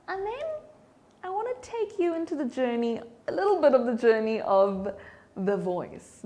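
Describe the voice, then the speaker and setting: Expressive woman giving a motivational talk. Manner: expressive, shifts pitch and loudness for emphasis; drops to soft whispers when demonstrating breathing. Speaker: keynote speaker and voice coach.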